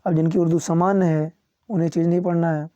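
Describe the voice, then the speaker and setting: A male coaching teacher going through a syllabus, listing topics one after another and chuckling now and then. His voice is very dark and mellow. The recording is dry and close, with no room sound. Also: on the high side, little pitch movement, dry recording, muffled recording. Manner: slows down to read English titles. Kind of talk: syllabus walkthrough for students.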